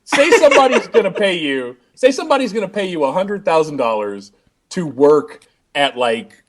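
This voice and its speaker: Dude guesting on a podcast, sarcastic and swears a lot, pitch jumps around. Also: male voice, big pitch swings, moderate pace, background noise. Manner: profane, sardonic, laughs through stories. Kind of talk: casual chat.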